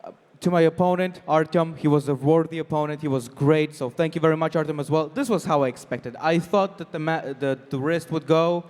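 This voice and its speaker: A man's voice: a little high, fairly even intonation, brisk, a little mellow. A man interpreting live for an athlete in a post-match interview. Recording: long hall reverb.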